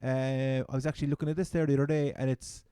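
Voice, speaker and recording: A fantasy football podcast co-host from Cork, Ireland, chats casually with an Irish Cork accent, often restarting his phrases. His voice is medium-pitched, smooth and dark-toned, with little pitch movement and a quick pace, captured in a dry, clean studio recording.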